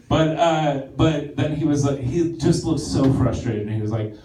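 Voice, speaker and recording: A man's voice: fairly high pitch, normal speed, heavy background noise. A man doing stand-up on a theater stage, telling a story in a rambling, self-deprecating way with lots of fillers and restarts, while the audience laughs. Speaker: stand-up comedian. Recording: roomy echoey live theater recording from far off.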